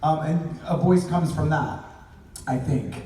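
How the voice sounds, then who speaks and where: A man talking on a convention stage in a warm, mellow voice, thinking out loud in long rambling answers. His voice carries over the hall speakers and is caught by a phone far back in the audience, so it comes through roomy and distant with a little background hiss. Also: on the high side, fairly even intonation, slow. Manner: chatty, reflective, rambling explanations. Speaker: voice actor panelist. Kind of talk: convention panel chat. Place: large convention panel hall. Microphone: panel mic through hall speakers, caught on a phone in the audience.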